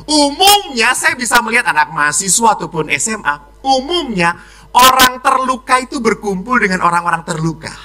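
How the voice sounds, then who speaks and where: Animated, bright-voiced priest preaching a homily. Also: male voice, high-pitched. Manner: lively preaching, acts out children and wives in quick voices.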